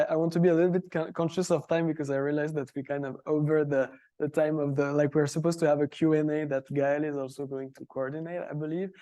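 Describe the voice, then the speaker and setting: A man's voice: on the high side, dark tone, no room sound. A man moderating a panel talk, polite and hesitant with fillers. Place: gallery event room.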